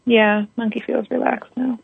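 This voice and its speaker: Woman caller, gravelly and husky, phone-line sound, earnestly repeating affirmations. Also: a little high, little pitch movement, moderate pace, dry recording. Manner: earnest, repeats after the host.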